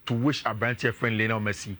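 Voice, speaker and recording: A man with a Ghanaian accent, a sports pundit giving energetic, analytical talk on a radio show and mixing in local phrases. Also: lowish voice, a little fast.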